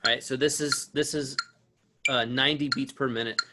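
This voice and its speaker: Relaxed man teaching guitar online. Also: medium pitch, normal speed, heavy background noise. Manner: relaxed, explains with many restarts and fillers; counts beats aloud while strumming. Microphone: video call. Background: acoustic guitar.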